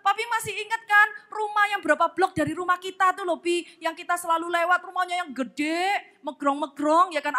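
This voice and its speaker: A woman's voice: very high-pitched, sharp tone. A woman pastor from Indonesia preaching a humorous sermon, acting out husband-and-wife dialogues with playful voices in a church sanctuary.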